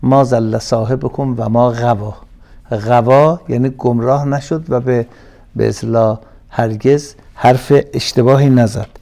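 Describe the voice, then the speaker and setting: A man with a voice of ordinary pitch lectures on a classical religious text. He draws certain phrases out slowly and forcefully, then drops into relaxed, conversational explanation. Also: creaky.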